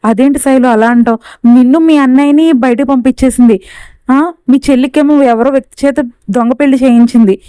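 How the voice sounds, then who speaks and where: A woman's voice: sits high, a little fast, mellow, clear, resonant tone, no echo, lightly acted. A woman reading as a young woman, bitter and vengeful. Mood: indignant.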